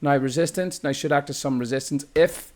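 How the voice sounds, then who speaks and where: A man's voice: fairly high pitch, fairly even intonation, a little fast, darkish tone. A man with an Irish accent, walking through a chart tutorial as a trading instructor in a loose, explanatory way, often correcting himself mid-sentence. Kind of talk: screen-recorded chart tutorial.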